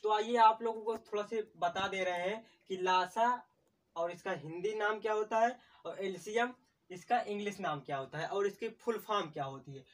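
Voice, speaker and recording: A man's voice: high-pitched, normal speed, distant mic. Male math teacher, patient self-quizzing delivery, talks to the class as friends, mic set back from him. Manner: asks questions and answers them himself, repeats key terms; addresses viewers as friends again and again. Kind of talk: classroom-style lesson at a board.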